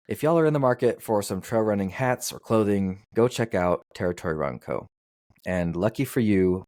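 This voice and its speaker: Upbeat guy hosting a podcast, lowish voice, dry close mic. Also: darkish tone, no room sound. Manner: upbeat, enthusiastic. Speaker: podcast host. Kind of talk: podcast interview and ad read.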